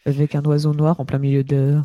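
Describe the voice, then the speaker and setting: A woman in her twenties with a hoarse, cracked, gravelly voice from a slight cold, chatting casually on a panel. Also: sits low, monotone, fairly quick, dark tone, muffled recording. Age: 20s. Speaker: podcast panelist reading out reviews. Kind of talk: casual chat.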